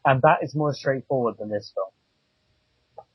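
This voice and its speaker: A man co-hosting a casual film chat, talking in a halting way. His voice is muffled, as if heard through a wall, picked up by a cable headset mic. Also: mid-range voice, breathy edge, no echo. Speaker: podcast co-host.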